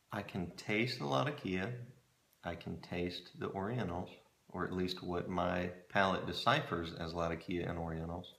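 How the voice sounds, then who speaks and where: A middle-aged man chatting casually to camera in a musing, hesitant way, often pausing mid-thought, recorded in a small room at home. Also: low-pitched, creaky, fairly bright tone. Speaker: pipe-smoking hobbyist reviewing tobacco blends. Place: small home storage room with shelves, indoors. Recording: roomy echo from camera mic.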